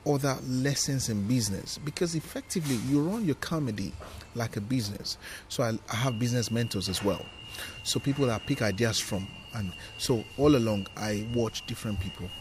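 A comedian with a Nigerian accent, whose mother tongue is Yoruba, appears as a guest on a podcast and tells stories in an animated, emphatic manner. He speaks at normal speed with a medium pitch, and background noise is audible.

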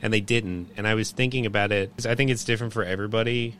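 A man's voice: fairly low pitch, steady tone, fast, a bit bright, a little hiss or hum. A man hosting a podcast about films, talking in a laid-back, rambling, joking way. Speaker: podcast host. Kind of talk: casual podcast chat.

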